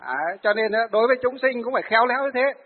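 A Buddhist monk, giving a sermon to lay followers and telling stories of them in a lively way. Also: male voice, very high-pitched, very fast, slightly rough. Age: 40s. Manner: storytelling, acts out the people he tells of. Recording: phone-like, hall reverb.

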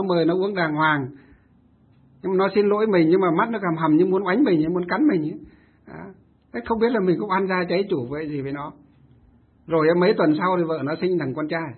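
A male Buddhist monk telling a story in a sermon, getting animated when he stresses a point. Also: sits high, breathy edge. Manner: animated storytelling, rising with emphasis. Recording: tinny phone-like radio sound.

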